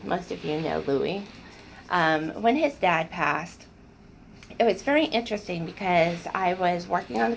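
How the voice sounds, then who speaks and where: A woman's voice: lowish voice, creaky, fairly bright tone, slight background noise, rough recording. A woman telling personal stories in an earnest, emotional way, often restarting her sentences. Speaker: spiritual speaker sharing personal stories. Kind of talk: casual personal storytelling.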